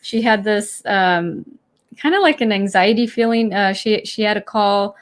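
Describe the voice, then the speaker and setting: Female co-host, middle-aged, soft-spoken and hesitant, casual chat. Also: medium pitch, a little slow. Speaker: podcast co-host. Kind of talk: casual spiritual self-help chat.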